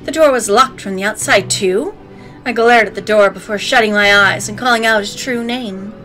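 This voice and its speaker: A woman narrates a story game as a let's play host. Her medium-pitched voice is playful and sassy as she reads and comments. Faint music plays behind her. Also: moderate pace, sharp tone, rough recording. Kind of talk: reading game narration aloud with joking commentary.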